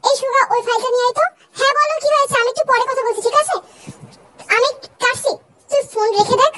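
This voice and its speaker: A busy, brusque young husband, voiced by a woman in a comic fan dub. He talks in a hurried, very high voice and cuts the call short. Faint hiss lies behind. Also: sharp tone. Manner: hurried, brushes people off.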